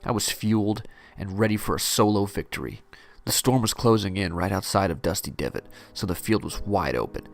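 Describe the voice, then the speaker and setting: A man narrating a parody horror story in a deadpan first-person telling. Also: fairly low pitch, fairly quick, gravelly, no echo, soft background music.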